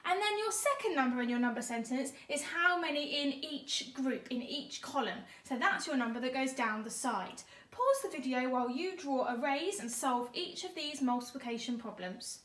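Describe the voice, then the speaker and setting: A woman's voice: sits high, lively intonation, moderate pace, hardly any pauses, a bit bright, roomy sound. A woman giving a maths lesson for young children, teaching a child to count aloud step by step in an encouraging way, as a primary teacher. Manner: encouraging, addressing pupils directly.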